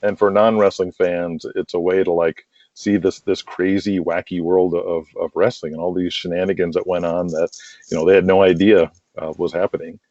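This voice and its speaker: A man who wrote a wrestling audio drama is interviewed casually and explains his work at length, rambling and filling his speech with "you know" and "like." His deep, darkish voice keeps a level tone at a moderate pace, heard through dull lo-fi call audio with roomy echo.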